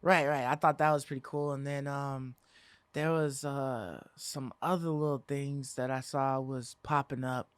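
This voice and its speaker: A man's voice: medium pitch, fairly even intonation, measured pace, clean tone, no echo. A man co-hosting a casual gaming podcast, laid-back and slangy, steering the talk to the next topic. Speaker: podcast co-host. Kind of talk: casual chat.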